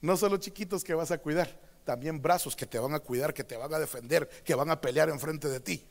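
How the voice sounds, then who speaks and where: A man preaching a sermon as a pastor, switching between quiet teaching and loud, drawn-out proclamations. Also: on the high side, creaky. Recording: long hall reverb.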